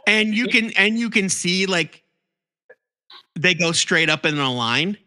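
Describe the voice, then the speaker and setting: A man co-hosting a comics podcast, explaining theories in a rambling, animated way with lots of fillers and restarts. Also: high-pitched, unhurried. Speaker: podcast co-host. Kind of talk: casual chat about comics.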